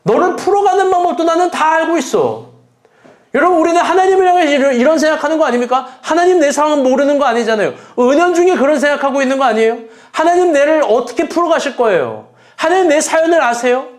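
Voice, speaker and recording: A man's voice: very high-pitched, lively intonation, fast talker, few pauses. A man pastor preaching a sermon in an earnest, emotional way, piling up rhetorical questions.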